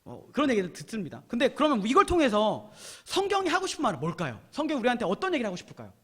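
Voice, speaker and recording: A man preaching to a youth group with a very high voice that leaps all over the place. He talks to the teens casually and energetically, slipping into little acted voices for the people he quotes. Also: wildly swooping pitch, racing, fairly bright tone, breathy edge. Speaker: youth pastor. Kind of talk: lively youth sermon.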